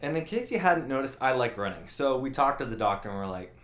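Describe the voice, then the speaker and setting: Speaking fast in a mid-range voice, a young man hosting his own channel rambles through a long, casual story. He pokes fun at himself and acts out other people's lines with animation, and the recording echoes as if in a large room.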